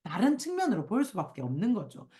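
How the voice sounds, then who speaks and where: Hosting a relaxed book discussion, a woman speaks fast at a medium pitch as she reads passages aloud. Her delivery is lively, and she performs the quoted complaints in a raised voice.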